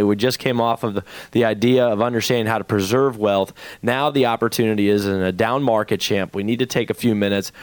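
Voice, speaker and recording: An American male radio host talks quickly in a promotional presenting style. His voice is mid-pitched, recorded dry and close. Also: smooth, dry recording.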